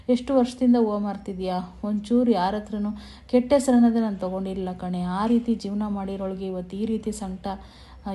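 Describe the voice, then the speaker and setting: A woman voicing a proud, heartbroken older mother who laments loudly and pleads through tears while retelling a serial scene. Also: medium pitch, lightly acted. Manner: tearful lamenting, loud pleading.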